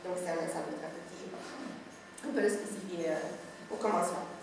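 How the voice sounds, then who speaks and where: A woman's voice: fairly low pitch, normal speed. A woman giving a university lecture to a class, explaining step by step with frequent hesitations and fillers. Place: classroom at a summer school. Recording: very echoey room, distant mic, faint noise.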